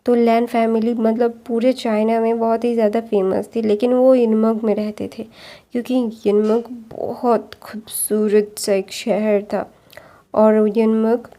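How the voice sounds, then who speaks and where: A woman narrates a long story in a loose, chatty way, filling pauses and restarting her sentences. Her voice sits fairly high but barely moves in pitch. The tone is dark and mellow. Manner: rambling, many fillers and restarts.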